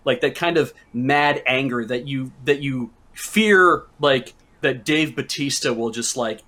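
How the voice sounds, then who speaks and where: A man's voice: medium pitch, a little slow, bright, forceful tone. A man on a panel riffing casually, rambling through jokes with many restarts. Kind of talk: casual comedic chat.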